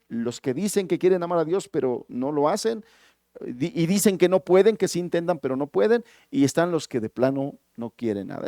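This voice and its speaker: A man's voice: a little high, mellow, no echo, studio quality. A male pastor with a Mexican Spanish accent preaching a sermon in a conversational, storytelling way. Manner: conversational storytelling, many restarts.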